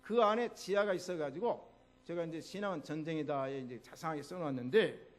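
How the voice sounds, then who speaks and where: High-voiced older pastor preaching animatedly. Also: male voice, fairly quick. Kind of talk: sermon. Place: church.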